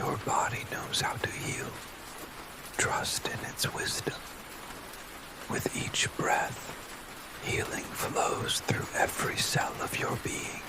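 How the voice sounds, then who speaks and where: A man whispers ASMR bedtime tales and affirmations in a soft, breathy spa whisper, gentle and soothing, as in guided relaxation. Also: low-quality recording. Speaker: ASMR sleep storyteller.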